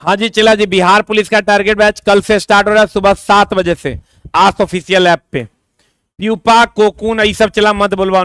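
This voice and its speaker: A high-pitched man coaches students through an exam-prep lesson. He talks in a chatty, repetitive way and throws in quick asides. His voice comes across smooth and clear, recorded dry and close. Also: a bit bright, no echo. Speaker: teacher.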